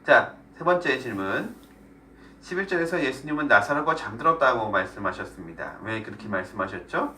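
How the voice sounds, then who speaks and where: In a church room, a male pastor leads a Bible study sermon, explaining and posing questions to the group. His mid-range voice is expressive and sharp, and he talks fairly quickly. The room is echoey, with his voice picked up from a distance over faint noise.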